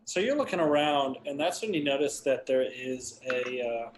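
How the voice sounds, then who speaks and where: A man narrating a tabletop game as its game master, his voice sitting at a middle pitch. He describes each scene with care and slows down over the details. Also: lively intonation, a little hiss or hum.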